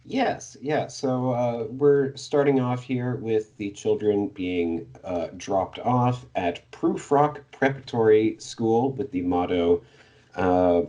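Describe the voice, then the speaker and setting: His voice is on the low side and mellow, and he takes it slowly. The podcast co-host casually summarizes a book's plot, hesitant and full of fillers and little laughs.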